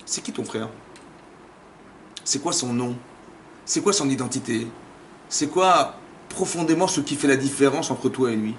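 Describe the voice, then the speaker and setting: A man, a rabbi, giving a lively Torah class in a community center, casual in phrasing, acting out dialogues and firing rhetorical questions. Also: mid-range voice, a little slow, long pauses, a little hiss or hum. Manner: animated, acts out dialogues, fires rhetorical questions. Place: community center lecture room.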